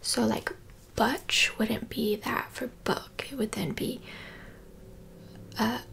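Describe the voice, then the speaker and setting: Whispering a joking German lesson in ASMR style, a rambling American teacher speaks slowly, her slightly high voice edged with gravel as deadpan humor slips in. Faint noise lingers in her indoor space of books and a map.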